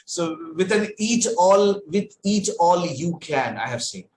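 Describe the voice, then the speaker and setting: A man tutoring English in an online lesson, his voice sitting a bit high for a man. He praises readily and explains carefully, circling back and restarting. The sound is roomy and echoey, with a faint hiss underneath. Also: animated, darkish tone. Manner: encouraging, teacherly, explains slowly with restarts.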